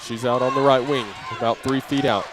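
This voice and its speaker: Fairly quick and level in tone, a man with a medium-pitched voice calls live basketball for radio in clipped, short bursts, lifting his volume as plays unfold. He's the play-by-play announcer, courtside in an indoor gym during a game, with bouncing balls and gym noise all around.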